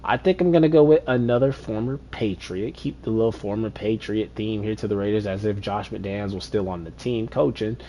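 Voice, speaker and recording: A man with a fairly low voice gives casual gameplay commentary. He talks to himself, musing over choices, and now and then launches into an exasperated rant. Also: brisk, few pauses, mellow, a little hiss or hum. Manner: chatty, muttering to himself, exasperated rants. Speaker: gaming streamer.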